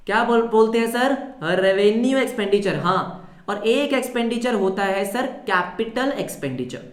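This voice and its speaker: Brief: energetic male accounting teacher, quizzes the class, answers in the students' voice, echoey room. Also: very high voice. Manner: mixes English terms into Hindi. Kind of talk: live online class lecture. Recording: roomy echo.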